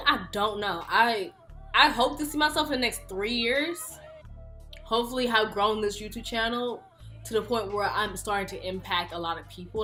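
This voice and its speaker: With a bright, forceful, mid-range voice, a woman in her early twenties chats through a question-and-answer vlog. She's a YouTuber from Houston, Texas, casual and playful, and laughs a lot.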